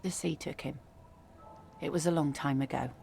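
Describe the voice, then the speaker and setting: A woman playing a hardened middle-aged widowed fisherwoman in a video game, talking like an old sailor, dry, blunt and gravelly. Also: sits low, fairly even intonation, normal speed, dark tone, faint music behind. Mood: blunt, matter-of-fact. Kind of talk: video game character dialogue.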